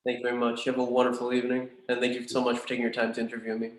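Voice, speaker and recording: A big room echo surrounds this young man's voice. He speaks at a middling pitch with a very flat, even intonation. His manner is polite and earnest, with some hesitation, as in a formal interview. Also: very fast. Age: 20s. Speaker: student in a practice job interview. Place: room in a large house.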